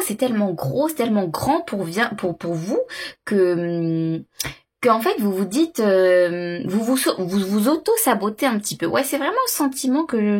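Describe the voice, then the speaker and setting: A woman with a slightly husky, breathy voice reads tarot cards for her viewers in a relaxed, searching way. She pauses often on fillers and repeats her words as she works out what she senses. Her pitch sits in an ordinary middle range. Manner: hesitant, many fillers and repeated words, intuitive musing. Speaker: tarot card reader. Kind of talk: casual monthly tarot reading to camera.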